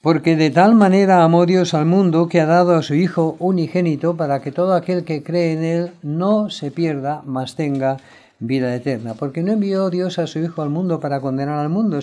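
A man preaching a sermon, reading Bible passages aloud and rising louder on the quoted cries of the crowd. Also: fairly high pitch.

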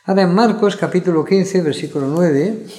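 A man preaching a sermon, reading Bible passages slowly and stressing the crowd's cries. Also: sits high, warm tone. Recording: echoey room.

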